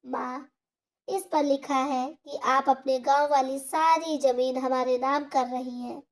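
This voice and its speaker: A scheming grown son from a spoken storybook, voiced by a woman narrator. He coaxes slowly in a high, light voice. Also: level tone. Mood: sly.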